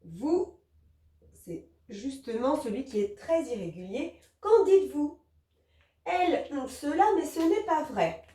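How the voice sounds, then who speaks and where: A woman teacher patiently explaining a grammar lesson to young children, gentle and encouraging, spelling out letters one by one. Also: high-pitched, very animated, slow pace, echoey room, distant mic.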